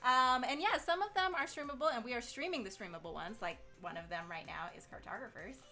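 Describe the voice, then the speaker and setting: A woman's voice: fairly high pitch, fast talker, bright, forceful tone, faint music behind. A woman co-hosting a live board game stream in casual chat, chatty and giggly with many fillers.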